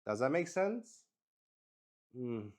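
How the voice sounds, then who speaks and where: A man with a mid-range, slightly mellow voice narrates slowly but very animatedly, improvising a solo tabletop roleplaying game. As both host and player, he thinks aloud hesitantly and repeats his words often.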